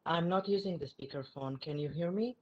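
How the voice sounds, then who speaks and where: A woman's voice: lowish voice, a little fast. Woman on a phone held away. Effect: phone held away from the mouth, distant and breaking up. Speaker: resident speaking at a committee hearing. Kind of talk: public comment by phone. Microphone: phone call. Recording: dull lo-fi phone line from far off.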